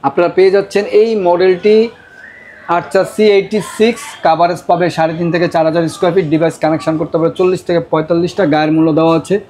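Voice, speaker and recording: A man with a Bangladeshi accent delivering an insistent hard-sell shop pitch, repeating prices and offers. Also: steady tone, racing, a little mellow. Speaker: router seller presenting deals.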